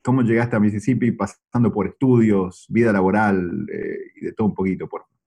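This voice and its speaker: A man's voice: lowish voice, fairly even intonation, a little fast, vocal fry, dark tone, breathy edge. A man hosting a casual interview, asking friendly, curious questions. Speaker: interview host.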